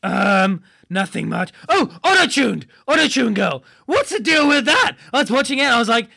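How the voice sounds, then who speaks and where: A man doing a goofy, laddish superhero for a comic podcast, with a gravelly, rasping voice pitched high and bright. The talk rambles along and keeps bursting into excited shouts. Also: moderate pace, heavily acted. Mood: rambling. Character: goofy laddish male superhero chatting about TV.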